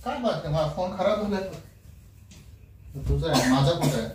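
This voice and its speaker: A man's voice: a little high, expressive, normal speed, very noisy. A man in a heated domestic argument, defending himself and pleading with his wife, recorded in an echoey room from a distance. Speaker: husband pulling a prank.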